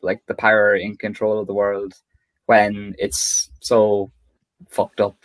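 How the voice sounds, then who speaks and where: A young Irish man co-hosting a podcast rambles through his points in casual chat, restarting often and poking fun at himself. His voice is on the low side with a completely flat delivery. The recording is dry and low in quality.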